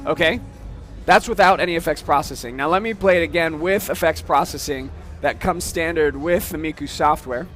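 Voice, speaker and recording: A man with a slightly high voice walks through a software demo in a loose, casual way. He explains each step and keeps asking "okay?". Faint music plays in the background. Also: moderate pace. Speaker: software demonstrator. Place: trade show floor.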